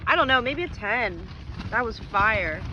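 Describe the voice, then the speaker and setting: A woman's voice: fairly high pitch, animated, measured pace, sharp tone, dull audio. A woman chatting casually for a camping vlog, talking out in the wind at a campsite. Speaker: camping vlogger. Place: windy campsite, partly in a tent. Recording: wind noise on the microphone.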